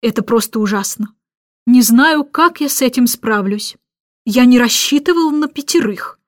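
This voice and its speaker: A woman voicing a grumbling middle-aged father in a storybook reading, loud and hurried. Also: a little high, animated, no room sound, clean studio sound, close to an everyday voice. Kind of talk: audiobook character reading.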